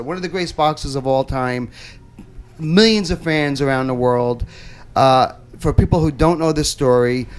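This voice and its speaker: In a nightclub, a talk show host chats casually with a guest, his speech blunt, full of profanity, and broken by stammered repeats and restarts. He has a smooth, mid-range male voice.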